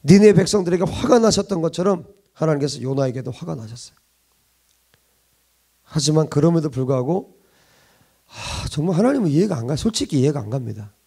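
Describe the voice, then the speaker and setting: A man preaching a sermon in a fairly high voice, pressing his points with repeated rhetorical questions. He swings from loud urgency down to hushed, almost whispered tones. A gravelly rasp runs through his delivery. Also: lively intonation, brisk, pauses often. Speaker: pastor.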